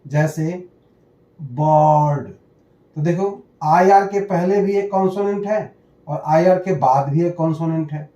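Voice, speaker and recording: A man teaching English pronunciation in a lesson, explaining rules deliberately and reading out word lists one by one. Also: a little high, dark tone, muffled recording. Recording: echoey room.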